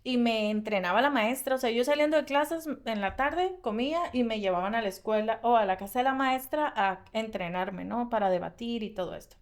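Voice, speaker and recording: A woman with a Mexican Spanish accent and a high voice talks through a casual podcast conversation. She tells her stories animatedly, rushing through some stretches and slowing on others. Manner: animated storytelling, fast bursts, frequent laughs. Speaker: podcast co-host.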